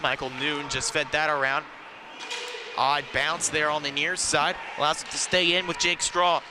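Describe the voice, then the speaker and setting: A man's voice: a little high, little pitch movement, normal speed. A man giving live ice hockey commentary in clipped phrases that follow the play. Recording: noisy rink ambience around the mic.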